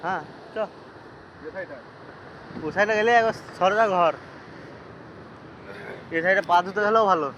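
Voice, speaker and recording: This casual vlog, shot on a handheld phone, follows a man on a muddy riverbank and a boat as he chats to viewers and calls to people passing. His voice is high-pitched and unhurried with frequent pauses; the highs are cut off, and wind and boat noise come through.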